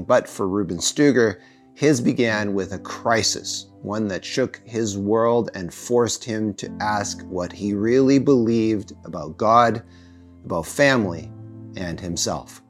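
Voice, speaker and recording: Low-voiced male host with guitar behind. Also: measured pace. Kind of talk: scripted show introduction. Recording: faint guitar music underneath.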